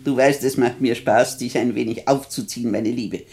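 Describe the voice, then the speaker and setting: A woman's voice: a bass voice, steady tone, normal speed, a little mellow. An actress playing an eccentric, bedridden rich old woman who talks in a teasing, imperious way in a radio play.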